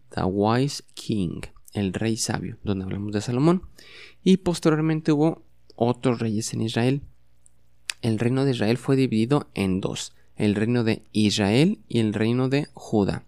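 A man hosts a bilingual podcast lesson at an unhurried pace, his voice dark and mellow. He patiently repeats each word for the listener to echo. The sound is dry and close. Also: medium pitch. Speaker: English teacher and podcast host.

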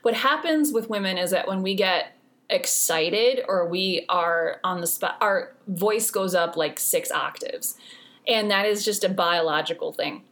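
A woman's voice: medium pitch, measured pace, a bit bright. A woman in her forties hosting a podcast, giving casual advice in a chatty way with dry humor and lots of fillers. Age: 40s. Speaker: podcast host.

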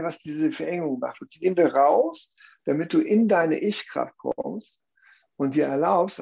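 A man's voice: fairly high pitch, creaky, darkish tone, husky, lo-fi sound. A man explaining a view earnestly in conversation, often checking in with tag questions.

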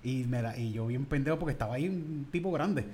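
A man with a Puerto Rican accent in casual podcast chat, telling stories in an animated way. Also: mid-range voice, fast, a little hiss or hum. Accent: Puerto Rican Spanish. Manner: animated storyteller who acts out shouts.

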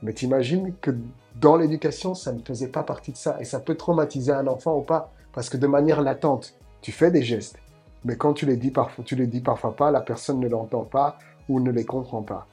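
A man's voice: mid-range voice, brisk, warm tone, breathy edge, faint music behind. A man sharing his thoughts in a podcast talk, earnest and reflective, often restarting and repeating words. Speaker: podcast co-host.

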